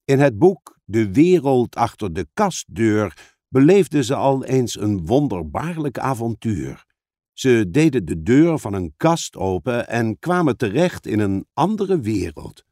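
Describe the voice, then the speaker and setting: Slow, expressive male audiobook narrator. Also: mid-range voice, no echo, clean studio sound. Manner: expressive storytelling.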